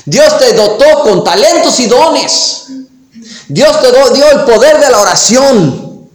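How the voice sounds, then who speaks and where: A man's voice: very high voice, lively intonation, slow, roomy sound. A man preaching a sermon as pastor. He reads scripture aloud, then turns to the listeners with emphatic, rising exhortations.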